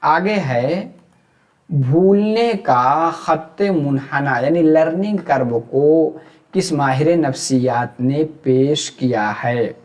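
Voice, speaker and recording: In an exam-prep lecture, an Indian man with a Hyderabadi Urdu accent poses questions aloud and then answers them himself. His voice is fairly high-pitched with a darkish tone, and he speaks slowly.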